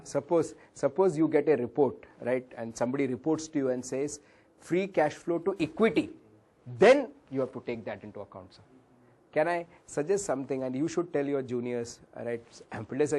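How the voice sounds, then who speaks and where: A medium-pitched, dark-toned male voice leads a valuation workshop in Indian English. It's a classroom lecture open to audience questions; his voice occasionally cracks, and he says sir to listeners while dropping in Hindi phrases.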